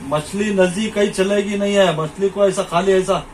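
His voice sits high with fairly even intonation and a moderate pace. A middle-aged Indian man in a small, cluttered shop, he casually demonstrates fishing gear to a camera, repeating himself and pointing out details for the viewer; the audio is poor, with slight background noise.

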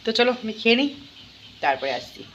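A woman's voice: a little high, big pitch swings, fast, a bit bright, muffled recording, slight background noise. A woman chatting to her viewers in a casual home vlog, talking straight to the camera. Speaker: vlogger.

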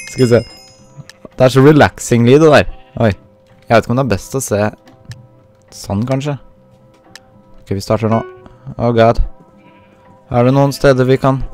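A man's voice: medium pitch, a little mellow. A young man giving casual, self-mocking commentary while he plays a video game, throwing in English slang. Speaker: gaming YouTuber. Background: faint game music.

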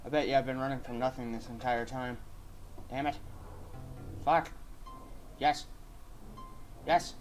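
A man's voice: mid-range voice, steady tone, a little slow, pauses often, soft background music. Swearing, yelping gaming YouTuber man. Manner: swears a lot, yelps and shouts when scared. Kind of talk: horror game commentary.

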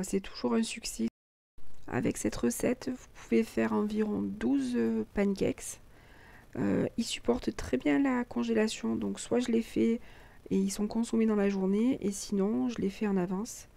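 A hoarse woman who has lost her voice, calmly narrating a recipe step by step as a cooking host. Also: medium pitch, no room sound. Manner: calm step-by-step instructions.

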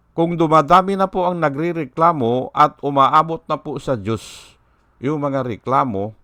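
A man's voice: on the high side, pushed and bright, no room sound, clean studio sound. A man giving political commentary like a sermon, speaking rhetorically, often asking his listeners questions and quoting scripture. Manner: rhetorical, keeps asking "hindi ba?", quotes scripture. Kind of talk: political commentary vlog with preaching.

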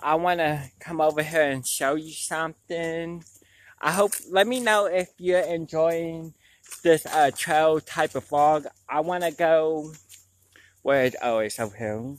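Out on a nature trail, a twenty-something vlogger chats easily with his audience and keeps addressing them as "y'all." He has a fairly high voice and never hurries. A small lapel mic clipped to him captures the outdoor talk.

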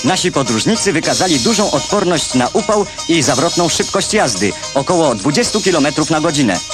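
A man's voice: fairly high pitch, very animated, brisk. A man narrating an old newsreel in a scripted, wry and ironic way, with music behind him. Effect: old newsreel recording.

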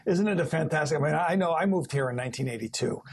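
Gravelly-voiced older male interview host. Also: on the high side, lively intonation, fast talker. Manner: chatty, with frequent fillers and laughs. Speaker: talk show host. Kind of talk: studio interview. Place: TV studio set.

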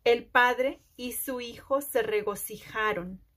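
A woman reading a children's picture book aloud, phrase by phrase with deliberate pauses. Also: fairly high pitch, a bit bright. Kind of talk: slow read-aloud storytelling for children.

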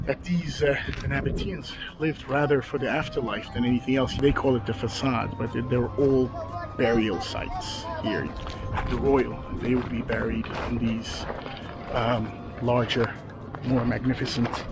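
A travel vlogger in his thirties casually narrates outdoors at desert ruins and a rock canyon, speaking to a handheld camera held at arm's length. He's chatty and hesitant, using many fillers, with a medium-pitched voice. Background noise is present, and music plays over the recording.

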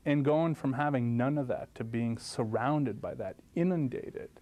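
Brief: man from Lithuania, thirties, studio interview guest, warm mellow tone, animated telling. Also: normal speed. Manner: animated storytelling, lively pitch jumps. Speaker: guest professor. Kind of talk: interview answers. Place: studio set, seated. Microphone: lapel mic.

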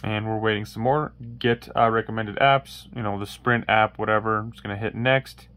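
A fairly low, steady male voice with a fairly bright tone speaks at a moderate pace. He narrates a relaxed phone tutorial over footage of his hands and a phone on a wooden table indoors. He rambles through the steps, often restarting and using fillers.

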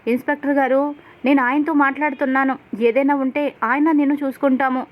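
A woman's voice: high voice, little pitch movement, fairly quick, narrow, tinny audio, natural voice. A woman reading the lines of a loyal, hot-tempered young husband in a retold serial story.

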